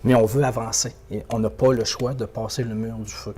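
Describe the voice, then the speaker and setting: A man's voice: medium pitch, flat delivery, brisk, a little mellow, slightly rough. A man with a Québécois French accent, a motivational speaker giving an interview, who repeats words and phrases for emphasis. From Quebec. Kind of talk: animated interview talk.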